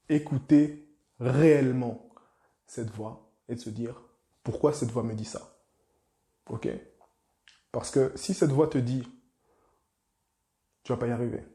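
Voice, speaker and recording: Guy doing a casual coaching talk to camera, warm mellow voice, keeps repeating himself, bit of room echo. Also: medium pitch, vocal fry. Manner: chatty, addresses the viewer as "tu" and repeats phrases. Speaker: life coach.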